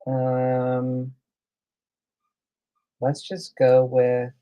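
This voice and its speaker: A man's voice: medium pitch, monotone, very slow, clean tone, dull audio. A man hosting a casual live coloring demo, chatting and thinking aloud as he works. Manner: chatty, thinks aloud while working, reads out viewer comments. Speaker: livestream host.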